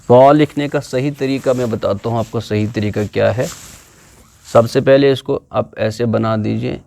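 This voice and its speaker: A man's voice: medium pitch, vocal fry, a little mellow, dry recording. A man with a Pakistani Urdu accent teaching a classroom video lesson on the Quran, patiently explaining letter by letter and drawing out sounds to demonstrate them.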